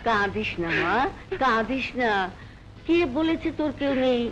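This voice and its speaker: A woman's voice: fairly high pitch, lively intonation, measured pace, a bit bright, highs cut off, soft background music. An actress playing a village mother in a melodramatic film, scolding one son and soothing the other. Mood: tender. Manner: reproachful, then tender and soothing. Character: a stern but loving village mother. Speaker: mother of the brothers.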